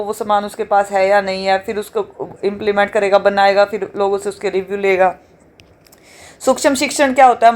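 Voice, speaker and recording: A woman teaching an exam revision lesson, explaining points with everyday examples and often checking in with a quick question. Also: mid-range voice, darkish tone. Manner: explains with everyday examples, keeps asking "theek hai?".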